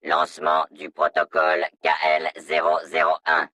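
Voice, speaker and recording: An actor voicing a stern male security robot in a video game, through a robotic voice filter, in a flat, monotone, announcement-like delivery. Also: moderate pace, no room sound, studio quality. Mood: cold, commanding. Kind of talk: video game dub dialogue lines.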